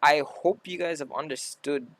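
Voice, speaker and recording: A man's voice: a little high, normal speed, fairly bright tone. A man tutoring maths, talking casually through a worked example step by step and correcting himself as he goes. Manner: talks through steps aloud, self-correcting. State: hiccuping.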